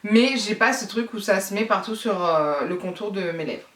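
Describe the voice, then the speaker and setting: A woman's voice: mid-range voice, moderate pace, echoey room, distant mic. A young woman from France chatting playfully as a beauty vlogger, showing off her purchases to her viewers. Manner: chatty, playful, addresses viewers as "les gars". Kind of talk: casual haul video chat.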